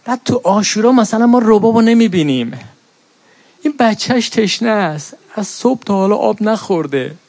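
High-voiced man preaching a mourning sermon. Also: expressive, a little mellow, no room sound. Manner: storytelling, rising to impassioned lamenting chant. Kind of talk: mourning sermon with chanted Arabic recitation.

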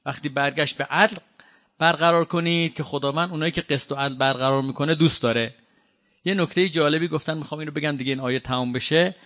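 Bright-voiced male preacher, high pitch. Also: fairly even intonation. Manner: conversational, addresses audience directly with questions. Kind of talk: sermon with Quran exegesis.

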